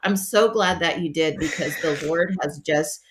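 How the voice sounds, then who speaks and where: A woman with a fairly low voice co-hosts a podcast. She tells a story in an excited, rambling way. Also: normal speed, background noise. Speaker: podcast co-host. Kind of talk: casual podcast chat.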